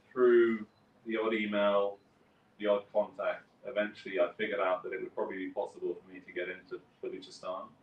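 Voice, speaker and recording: A man's voice: deep voice, a little hiss or hum. A man in his forties, a journalist, giving a wry, conversational conference talk and telling his story. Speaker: guest speaker, journalist. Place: conference hall. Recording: echoey hall, distant mic, faint ambience.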